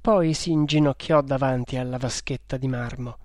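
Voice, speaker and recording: A man narrating an audiobook in a measured, dramatic way. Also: medium pitch, fairly even intonation, darkish tone, no room sound, studio quality.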